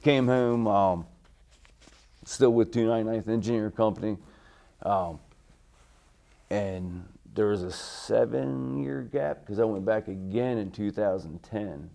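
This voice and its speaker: A middle-aged American man, a military veteran, recalling his service in an interview in a halting, polite way. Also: on the low side, creaky, warm tone. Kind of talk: oral history interview, recalling army service.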